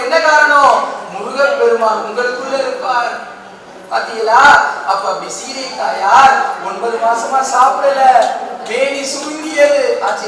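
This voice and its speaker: A woman's voice: a little high, a bit bright, a little hiss or hum. A woman giving a devotional storytelling discourse in a large hall, dramatic and emotional, firing rhetorical questions at her audience. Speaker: religious discourse speaker. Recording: very echoey hall, far-off mic.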